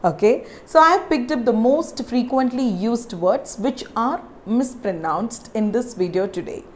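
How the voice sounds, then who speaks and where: A woman with a South Indian English accent teaching English pronunciation, repeating words slowly to demonstrate them. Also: fairly high pitch, animated, background noise. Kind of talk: spoken English lesson.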